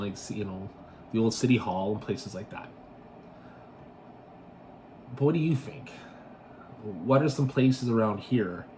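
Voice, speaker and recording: A man hosting a casual podcast monologue, rambling and self-correcting, often ending thoughts with a quick tag question. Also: fairly low pitch, slight background noise. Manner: rambling, self-correcting, tags sentences with "right?". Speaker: podcast host.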